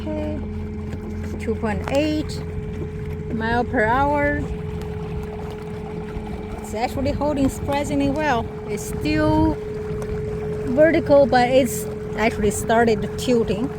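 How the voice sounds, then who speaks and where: A woman's voice: high voice, slow, pauses often, loud music behind the voice. A woman narrating a casual hands-on product test outdoors on a boat, speaking in short broken remarks as she works. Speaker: product demonstrator. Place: outdoors on a small motorboat on the water. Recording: noisy outdoor boat recording. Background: boat and water noise.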